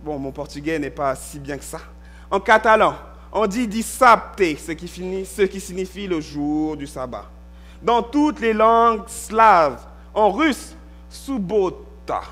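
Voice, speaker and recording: A male pastor delivers a sermon in a church, emphasizing and stretching out key words and sometimes rising to a shout. His voice is high-pitched and animated, at a slow pace.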